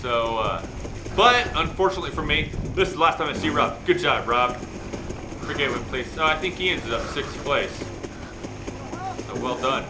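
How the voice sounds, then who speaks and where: A man's voice: fairly high pitch, lively intonation, moderate pace, long pauses. A man giving casual, rambling, self-deprecating race commentary as a motovlogger, chatty in his delivery. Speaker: motovlogger and amateur dirt bike racer. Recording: roomy echo, loud engine and ambient noise.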